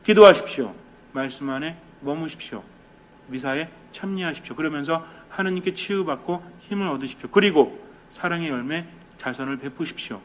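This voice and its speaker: Lively Korean priest preaching a homily. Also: male voice, fairly high pitch, fairly quick, slight background noise. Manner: lively and conversational, questions the congregation, mimics quarrels; drops to a soft, quiet tone for meditation. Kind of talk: sermon.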